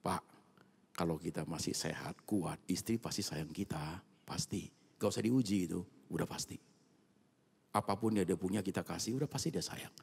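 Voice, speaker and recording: A male pastor preaches at an evening church service in a low, gravelly, deeply husky voice. He speaks casually and keeps turning to the congregation with direct asides. His delivery jumps from loud bursts down to hushed near-whispers. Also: normal speed. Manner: colloquial, with frequent asides to the congregation. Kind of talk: sermon.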